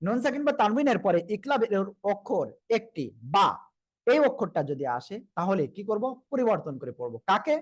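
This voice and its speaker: A fairly high-voiced man with a Bangladeshi Bengali accent leads a live online Quran reading class. He spells out letters slowly and patiently, asking his students to repeat after him. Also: big pitch swings, dry recording. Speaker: Quran teacher.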